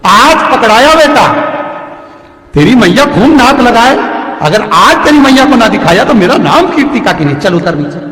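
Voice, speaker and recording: A man doing a shrill nagging old village woman. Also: moderate pace, natural voice. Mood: scolding shrill. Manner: loud, nagging, threatening. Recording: echoey hall with faint music.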